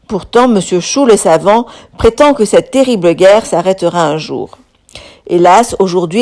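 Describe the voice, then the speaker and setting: A woman storyteller reading a children's tale aloud. Her reading is expressive and animated, at a middle pitch for a woman.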